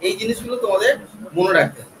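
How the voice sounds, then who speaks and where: Male teacher from West Bengal, high bright voice, patient letter-by-letter explainer, recorded from afar in a roomy classroom. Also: rapid-fire, a crowd in the background. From West Bengal, India. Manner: explains patiently, spells words letter by letter, asks rhetorical checks. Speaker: English teacher. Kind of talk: classroom grammar lecture. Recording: echoey classroom from far off, faint background noise.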